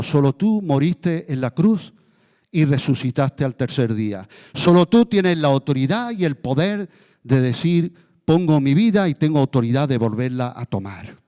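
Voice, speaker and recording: A man leading a congregation in prayer as pastor, moving between fervent, rising declarations and hushed, slow guided prayer. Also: on the high side, long reverb tail. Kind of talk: sermon prayer. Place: church.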